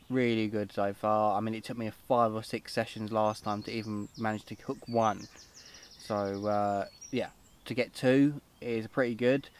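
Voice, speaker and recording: A man's voice: fairly low pitch, smooth. A young British man vlogging outdoors at a lake, talking in an upbeat, rambling way with lots of fillers, filmed on a camera close by. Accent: British English. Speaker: fishing vlogger. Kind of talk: casual outdoor vlog. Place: lakeside, outdoors and under a fishing shelter.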